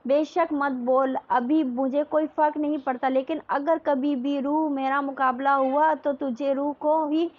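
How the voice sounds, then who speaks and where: A doting young husband and father who teases and coaxes his baby son, as a woman reader voices him. The voice sits high and the recording sounds dull and lo-fi. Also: steady tone, few pauses, close to an everyday voice. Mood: stern. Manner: playful, coaxing, then stern.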